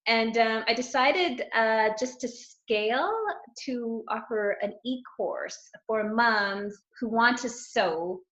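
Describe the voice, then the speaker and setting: A woman's voice: fairly high pitch, takes it slowly, a bit bright. A middle-aged woman, a guest coach, chatting casually in an interview, rambling and laughing often. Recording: roomy, dull lo-fi sound.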